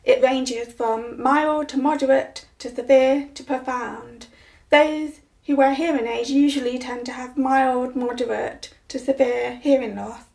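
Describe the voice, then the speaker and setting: A woman in her forties, a blogger giving a clear, deliberate scripted presentation with practical tips. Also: high-pitched, fairly even intonation, a little mellow. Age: 40s.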